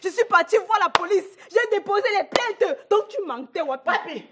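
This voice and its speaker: A woman playing a very high-voiced mocking sister. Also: animated, moderate pace, very noisy. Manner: mocking, accusing. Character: mocking young sister accusing her brother. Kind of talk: comedy web series acting.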